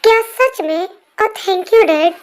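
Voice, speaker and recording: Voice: very high voice, slow. A performer voicing a headstrong twenty-year-old girl who pleads and refuses to back down, in an amateur fan dub voice-over. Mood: stubborn. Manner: pleading, stubborn.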